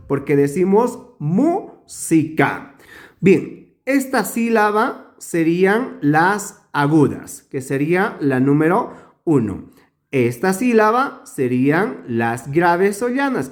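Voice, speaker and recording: A male teacher giving a grammar lesson, slow and emphatic, drawing out words to show where the stress falls. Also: high-pitched.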